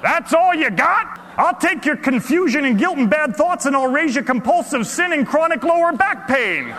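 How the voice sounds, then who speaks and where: A man voicing a loud, brash stranger who shouts across a room to one-up someone. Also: extremely high pitch, animated, normal speed, voice pushed up, exaggerated voice. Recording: long hall reverb, faint hum.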